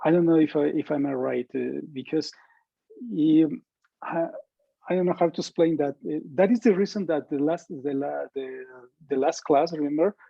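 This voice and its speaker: A male student answering haltingly, searching for words with many fillers. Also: fairly high pitch, gravelly, dry recording. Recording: dry muffled lo-fi recording.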